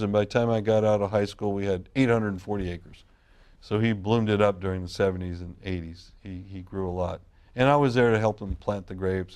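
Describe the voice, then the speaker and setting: Speaking in a clean, darkish voice on the low side, a middle-aged Californian who grows wine grapes rambles through lengthy family stories during a casual interview, frequently starting sentences over.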